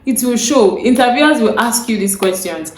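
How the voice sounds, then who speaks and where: Speaking to camera in a room with a roomy echo and faint ambience, a young Nigerian woman whose native language is Yoruba offers earnest career advice. Her voice sits a little high, with lively intonation at a normal pace, and she repeats key points while checking in with viewers.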